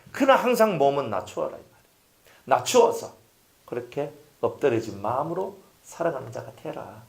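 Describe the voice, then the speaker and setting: A male pastor delivers a sermon with a lively, swooping pitch that sits a little high for a man. He asks the congregation questions as he goes and slips into short acted voices for the people in his examples. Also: gravelly. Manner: animated, acts out quoted voices, rhetorical questions to the congregation.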